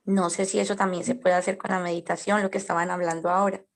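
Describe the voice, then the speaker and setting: A woman, a student in an online class, telling the group a personal story in a shy, tentative, soft-spoken way. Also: lowish voice, flat delivery, fast, vocal fry.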